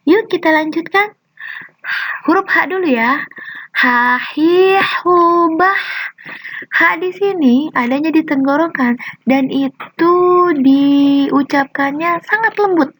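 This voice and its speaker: High-voiced teacher drilling syllables slowly. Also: female voice. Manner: slow drawn-out syllable drilling, soft praise. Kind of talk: Quran reading lesson for young children.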